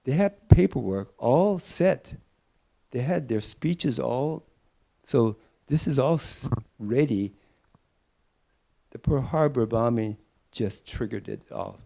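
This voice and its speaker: An older man from Peru, explaining history thoughtfully in an oral history interview, pausing often with fillers. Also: mid-range voice, lively intonation, vocal fry, warm tone.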